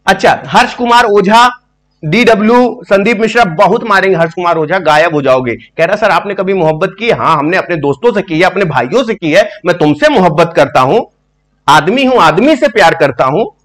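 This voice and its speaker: A man's voice: sits high, lively intonation, moderate pace, a bit bright. A young man teaching a live online exam-prep reasoning class, joking and chatting with viewers as he explains.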